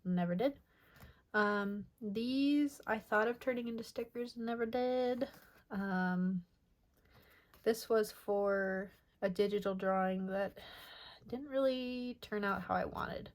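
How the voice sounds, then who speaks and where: A young woman casually narrating over her sketchbook pages, soft and rambling with many pauses and filler words. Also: medium pitch, steady tone. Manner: soft, rambling, many ums and self-corrections. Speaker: artist showing her sketchbook.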